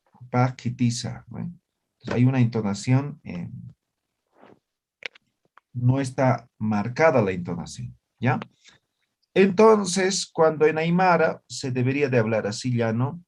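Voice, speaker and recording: A man's voice: medium pitch, animated, measured pace, creaky, long pauses, a little mellow. A man teaching an online language class, explaining grammar step by step and often checking that students follow. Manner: explanatory, checks understanding with frequent "¿ya?" and "¿no ve?".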